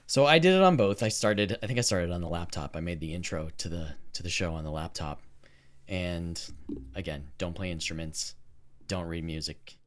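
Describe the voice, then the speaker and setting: Deep and animated, this man's voice moves at an ordinary pace as he co-hosts a podcast. He's also an amateur theme music maker, and the talk is a loose, enthusiastic casual chat.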